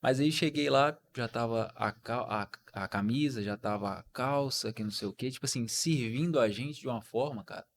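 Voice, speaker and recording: A man from Brazil on a podcast, chatting casually as co-host. He hesitates and hunts for his words, talking in loose, unhurried phrases. His voice sits at a typical male pitch.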